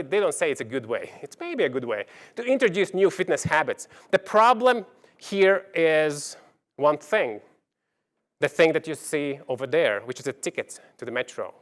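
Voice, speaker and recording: A man giving a keynote presentation in front of an audience, halting at times and leaning on key words for emphasis. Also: high voice. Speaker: keynote speaker, researcher. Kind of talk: conference keynote presentation with slides.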